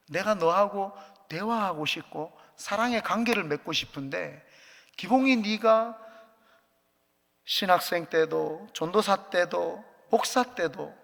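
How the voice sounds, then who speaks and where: A man voicing God who speaks slowly and tenderly to his servant, in an echoing church hall. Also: sits high, creaky, a bit bright, exaggerated voice. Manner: slow, tender, solemn.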